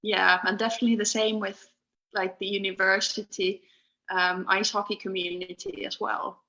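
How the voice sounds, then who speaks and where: A young woman from Finland, a podcast guest speaking casually over an internet call, pausing often with ums. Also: medium pitch, level tone, sharp tone. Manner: hesitant, many ums and restarts. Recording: muffled internet call audio.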